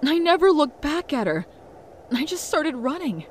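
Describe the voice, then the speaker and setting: A woman's voice: sits high, sing-song, normal speed, slight background noise. A woman voicing Mary Jane, a fiery but guarded young woman, telling her story in a heartfelt, confessional way in a comic dub. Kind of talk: comic dub narration and dialogue.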